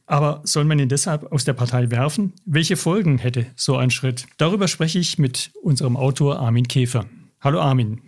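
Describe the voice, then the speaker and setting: A man hosting a news podcast, calmly introducing the topic and asking measured questions of a colleague. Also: mid-range voice. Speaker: podcast host. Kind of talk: newspaper podcast interview.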